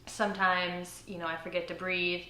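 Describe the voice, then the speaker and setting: A woman's voice: on the low side, flat delivery, normal speed, sharp tone. A young woman, a college student, talking hesitantly and self-consciously in an interview, with fillers and little nervous laughs. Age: young adult. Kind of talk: personal interview. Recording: roomy echo with faint ambient hum.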